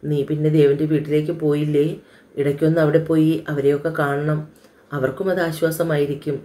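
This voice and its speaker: A woman's voice: deep voice, little pitch movement, a little fast, warm tone, close to an everyday voice. A woman voicing an older mother in her sixties, caring and anxious, who talks in a pleading, motherly way in an audio storybook. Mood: worried.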